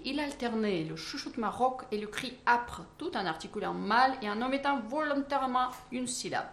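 A woman's voice: medium pitch, a little hiss or hum. Woman reading aloud in a roomy studio. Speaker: radio music columnist. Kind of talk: radio chat and reading from a book.

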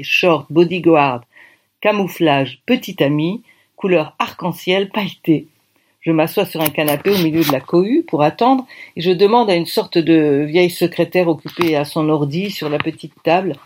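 A woman reading a first-person novel aloud in a lively, conversational way. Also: fairly low pitch. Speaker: audiobook reader.

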